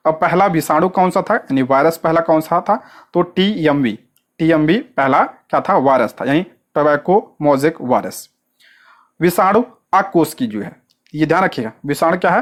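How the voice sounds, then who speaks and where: Quiz-style exam-prep teacher. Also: medium pitch. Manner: asks rhetorical questions and answers them at once; repeats short check-ins and stresses key points.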